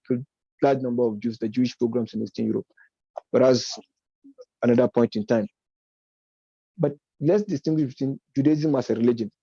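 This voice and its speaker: With a dark, slightly rough voice of medium pitch, a commentator on politics and religion delivers an unscripted lecture-style argument. He proceeds step by step at a measured pace, correcting himself along the way. The audio is dry and dull.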